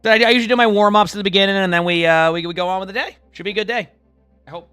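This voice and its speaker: Fast, high-voiced male streamer on headset audio. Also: bright, forceful tone, smooth, no echo, soft background music. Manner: rambling, filler-heavy, frequent restarts. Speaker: game streamer. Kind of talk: casual chat to stream viewers while gaming.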